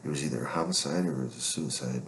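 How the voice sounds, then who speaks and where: A man's voice: extremely low pitch, very fast, noisy background. A man telling stories in a casual monologue, swaggering and profane, rambling with constant fillers.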